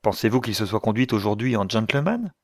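A man's voice: on the low side, very animated, brisk, no echo, clean studio sound. A man reading a stiff, disdainful captain.

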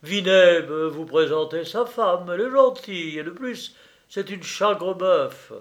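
A man voicing a blustering, flattering old retired army colonel in a read-aloud novel, talking loud and emphatic. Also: high-pitched, measured pace, voice pushed up.

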